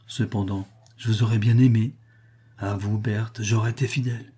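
A man's voice: fairly low pitch, fairly even intonation, moderate pace, warm tone, breathy edge. A man reading an ardent pleading young lover. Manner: earnest, pleading.

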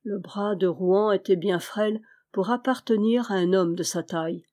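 A woman narrating an adventure novel as an audiobook, steady and clear. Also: medium pitch, moderate pace. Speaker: audiobook reader. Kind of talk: scripted narration.

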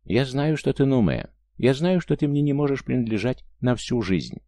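A man's voice: medium pitch, very animated, normal speed, warm tone, no room sound, pitched above the performer's own voice. A man reading an audiobook voices a lovesick young man, speaking with urgent emotion. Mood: desperate. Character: young lovesick human man, desperate and pleading.

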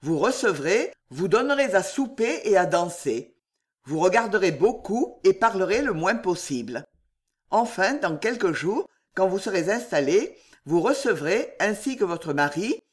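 A reader voicing a scheming, powerful male general in an audiobook, speaking in a measured, commanding way. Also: medium pitch, sing-song. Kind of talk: audiobook reading.

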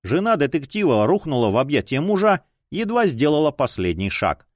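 Lively male audiobook narrator. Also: a little high, a little fast, dry recording. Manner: expressive, lively.

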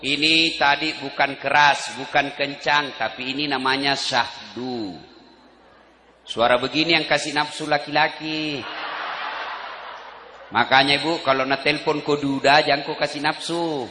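A man's voice: fairly high pitch, fairly even intonation, a little slow, pushed and bright, reverberant, in a large hall. A man preaching a sermon to an open-air crowd, joking and calling out to the audience. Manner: joking, addresses the crowd directly. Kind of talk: Islamic sermon. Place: open-air field gathering.

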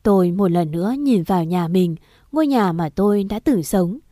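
A woman narrating a ghost story in the first person with a sad, measured delivery. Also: on the low side, expressive, warm tone, no echo, studio quality.

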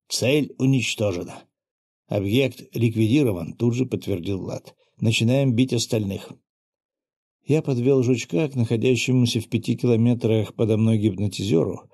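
A man reading an audiobook aloud in steady first-person narration. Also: lowish voice, gravelly, dry recording, clean studio sound. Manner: steady, even storytelling.

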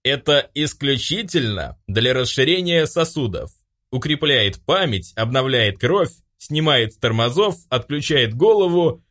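A man's voice: mid-range voice, animated, unhurried, fairly bright tone, voice pushed up. A man voicing a rowdy, cheeky drunk young man who slurs through boastful toasts.

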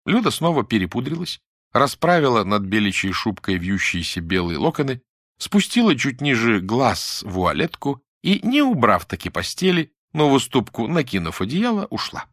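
A man narrating an audiobook with an expressive, dramatic reading. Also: medium pitch, normal speed, no room sound, studio quality.

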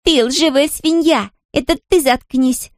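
Woman doing a bratty little girl, high and shrill, scornful, dry studio sound. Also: expressive, normal speed, darkish tone, dry recording. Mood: defiant. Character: bratty defiant young girl.

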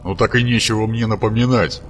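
A man's voice: fairly low pitch, normal speed, faint music behind, close to an everyday voice. A man voicing a grumpy, capricious God who snaps and grumbles condescendingly at his servant. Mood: gruff. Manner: gruff, snapping, condescending. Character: grumpy, capricious, self-satisfied male God.

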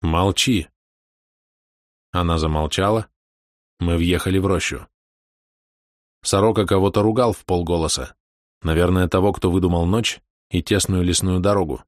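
Low-voiced male audiobook narrator. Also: fairly even intonation, normal speed, long pauses, no room sound, studio quality. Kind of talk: scripted narration.

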